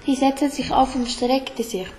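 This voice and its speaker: A woman reading a children's story aloud, halting and stumbling over words now and then. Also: sits high, darkish tone. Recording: roomy echo, faint background hiss.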